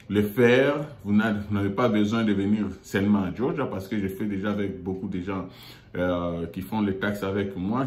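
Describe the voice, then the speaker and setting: A man from Congo hosting his own online show, talking haltingly with many fillers and repeated words from a meeting room in an office. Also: on the low side, a little mellow. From Democratic Republic of the Congo. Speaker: YouTube show host. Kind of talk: hesitant monologue. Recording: echoey room.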